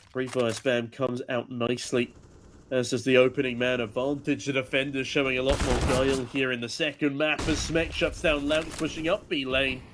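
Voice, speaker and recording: Guy doing esports caster play-by-play, normal pitched voice, game shots and clicks going off behind. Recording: gunfire and game noise behind. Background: video game gunshots and clicks.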